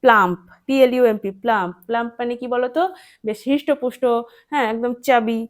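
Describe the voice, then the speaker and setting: A woman's voice: fairly high pitch, quick pace. Patient woman teaching young children. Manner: patient, asks and answers her own questions; spells words out letter by letter. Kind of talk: children's English lesson.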